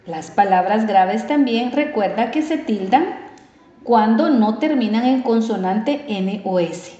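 A woman teacher giving a recorded lesson, speaking slowly and deliberately and stretching out her example words. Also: fairly high pitch, animated, dark tone. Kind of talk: recorded distance-learning lesson. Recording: roomy, slightly dull sound.

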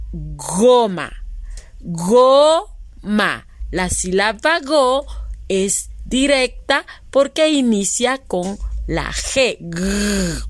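A woman from Guatemala teaching a lesson to young children, speaking slowly, drawing out syllables, asking questions and praising the answers. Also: on the high side, a bit bright, dry recording.

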